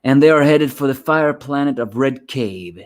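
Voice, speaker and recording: A man's voice: medium pitch, animated, moderate pace. A man giving a rambling solo review of a manga chapter, sleepy and yawning, often restarting his words.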